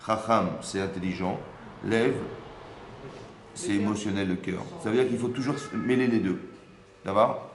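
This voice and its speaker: A man's voice: on the low side, steady tone, moderate pace, long pauses, crowd noise. A man teaching a religious class to a small group, asking questions, checking in with his listeners and often repeating words as he searches for phrasing. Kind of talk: interactive religious lesson. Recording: roomy room, faint background ambience.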